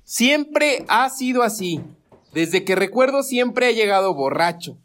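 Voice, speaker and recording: A man voicing a hurt, earnest young son. His voice is fairly high for a man. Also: lively intonation, a little slow, fairly bright tone. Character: young adult son, recovering addict, wounded.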